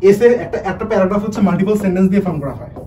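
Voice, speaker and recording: Racing through an online admission-test English lesson, a man with a mellow, fairly high voice keeps restarting and firing rhetorical questions at his students. The poor-quality audio is recorded from a distance, with a faint hum of noise.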